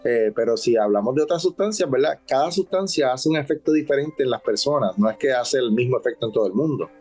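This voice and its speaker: A man with a Puerto Rican accent, a counselor on a health talk show, explaining in a calm, measured way and often asking for agreement. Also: mid-range voice, husky, faint music behind. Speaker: substance abuse counselor.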